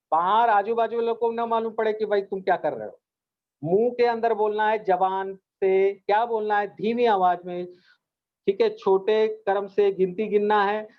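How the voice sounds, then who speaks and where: A man teaching a meditation lesson to school students, speaking in an earnest, repetitive, coaxing way and addressing them directly. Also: high-pitched. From India. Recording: dull lo-fi recording.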